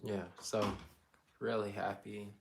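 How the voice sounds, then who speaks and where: A man's voice: fairly low pitch, level tone, takes it slowly, vocal fry, background noise. A young adult man with an American accent, chatting casually as co-host of a live political commentary stream. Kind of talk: casual chat.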